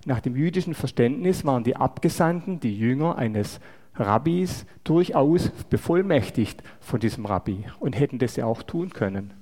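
A man preaching a sermon in a measured way, putting rhetorical questions to his listeners. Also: medium pitch, lively intonation, warm tone. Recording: long reverberant hall.

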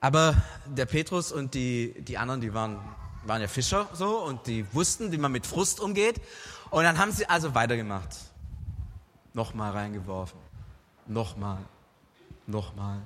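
A man telling a Bible story to a group in a lively, dramatic way, asking his listeners questions. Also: medium pitch, normal speed, big-room sound, slight background noise.

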